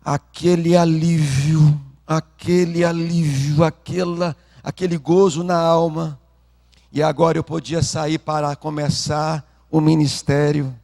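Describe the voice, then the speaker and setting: A pastor telling a personal testimony in a sermon, emotional and speaking to the congregation. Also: male voice, on the high side, flat delivery, slow pace, gravelly, dark tone. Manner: emotional storytelling, addresses congregation.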